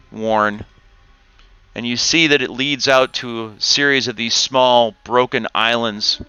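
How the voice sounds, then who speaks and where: Bright-voiced game master narrating. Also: male voice, medium pitch, clean tone, dry recording, muffled recording. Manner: descriptive, measured, with restarts.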